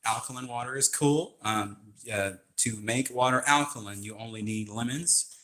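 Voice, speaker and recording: Bright-voiced man giving an informal fitness pitch. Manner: halting, repeatedly checks with "okay?". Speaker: personal trainer pitching a weight-loss walking program. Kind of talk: informal rambling explanatory talk.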